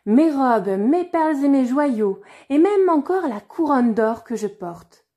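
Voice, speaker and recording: A woman's voice: high-pitched, animated, takes it slowly, dark tone. A woman voicing a spoiled, haughty young princess in a fairy-tale reading, lifting her voice for emphasis. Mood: eager. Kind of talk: storybook reading.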